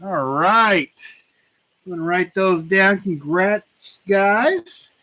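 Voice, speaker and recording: A man chats through a live stream giveaway in an unhurried, drawn-out way. His voice sits noticeably high for a man. He is chatty and keeps circling back to repeat himself playfully. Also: bright, forceful tone, rough recording. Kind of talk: casual live stream chat.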